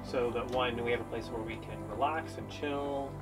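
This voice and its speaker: A man's voice: medium pitch, normal speed. Dry-joking young man in a boat cabin. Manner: relaxed, dry joking, explaining plans. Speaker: boat-owning video host. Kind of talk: casual chat, boat tour. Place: small wooden boat cabin, indoors. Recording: voice a bit distant, music behind.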